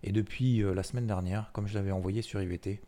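The host of a weekly market recap speaks quickly in a mellow, lowish voice with a steady tone. His market commentary is chatty and loose, packed with fillers, repeated words and restarts.

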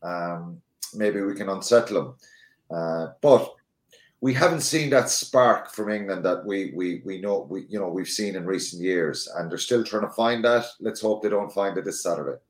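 A man's voice: low voice, moderate pace. A man working as a rugby pundit, speaking in casual analysis, hesitant and often restarting his sentences. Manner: hesitant, many fillers and restarts. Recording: roomy echo.

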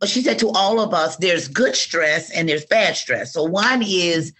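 A woman in her fifties with a slightly low-pitched voice talks as a guest on a podcast. She tells reflective stories in an animated way, slipping into quoted affirmations as she goes. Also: a little slow. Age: 50s. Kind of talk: conversational interview.

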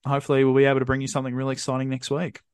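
A man's voice: medium pitch, completely flat delivery, rapid-fire, darkish tone, clear, resonant tone, dry recording. Dry-witted man, close and dry. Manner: dry teasing wisecracks. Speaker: podcast co-host. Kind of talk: casual chat.

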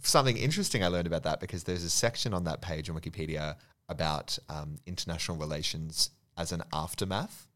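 A man chatting casually as a podcast guest, animated and swearing freely with frequent laughs. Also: low voice, fast. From Australia.

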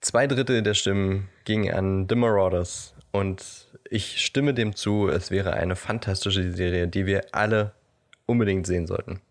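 Low, gravelly man, joking podcast host. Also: fairly even intonation, moderate pace. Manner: playful, joking, laughs often. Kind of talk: casual podcast chat.

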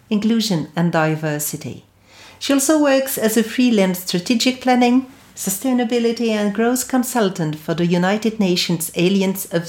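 Host: woman, formal and measured, room echo on the voice. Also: mid-range voice, darkish tone. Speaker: podcast host. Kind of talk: scripted intro and interview questions.

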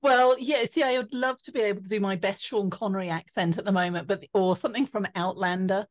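A woman's voice: medium pitch, brisk. A woman with an English accent, a leadership coach and author talking as a podcast guest in an upbeat, cheerful and playful way. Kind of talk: podcast interview.

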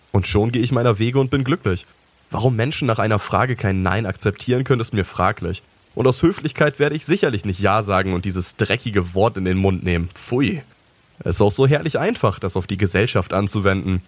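A man narrating a creepypasta in the first person, calm and sinister with mocking asides. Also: on the low side, no echo.

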